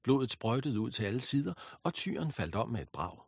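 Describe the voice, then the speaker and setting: A man narrating a myth as a storybook reading, in a steady, expressive way. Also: medium pitch, vocal fry, husky, no room sound, studio quality.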